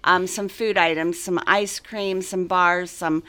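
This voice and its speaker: A woman's voice: on the low side, fairly even intonation, takes it slowly, bright, forceful tone, clean tone. A woman from the event committee who jumps in eagerly while chatting on a radio show. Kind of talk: casual radio chat.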